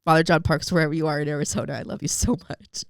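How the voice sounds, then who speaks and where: A woman's voice: deep voice, fairly even intonation, rapid-fire, vocal fry, clean tone, no echo, clean studio sound. A young woman telling a heartfelt personal story as a podcast guest, with lots of "like" and fillers. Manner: emotional storytelling with many fillers. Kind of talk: personal faith story in an interview.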